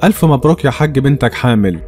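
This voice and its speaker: A man doing a brisk Egyptian doctor. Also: medium pitch, expressive, darkish tone, faint music behind, natural voice. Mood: matter-of-fact. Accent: Egyptian Arabic. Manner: brisk, dismissive. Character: offhand male doctor, matter-of-fact.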